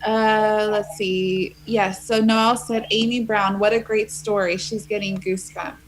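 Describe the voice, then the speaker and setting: A woman's voice: mid-range voice, level tone, measured pace, slight background noise, poor audio. A woman reading viewer comments aloud on a live panel, hesitant and filling gaps with ums. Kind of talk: casual chat.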